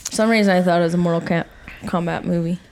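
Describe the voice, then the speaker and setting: A woman's voice: on the low side, fairly even intonation, fast talker, a little mellow. A young woman co-hosting a casual podcast chat, teasing the others playfully. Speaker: podcast co-host.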